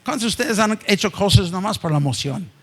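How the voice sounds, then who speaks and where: Pastor guy preaching in church, highish voice, keeps asking the crowd "right?". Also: animated, fast talker, husky. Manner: asks the congregation frequent rhetorical questions; acts out quoted voices with sharp pitch jumps. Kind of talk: sermon.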